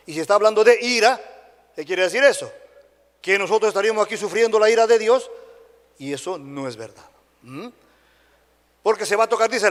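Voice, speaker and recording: A man with a Dominican Spanish accent preaching a sermon to a congregation, often checking in with short questions like "right?". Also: high voice. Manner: animated preaching, frequent tag questions to the congregation. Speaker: pastor. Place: church sanctuary. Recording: long hall reverb.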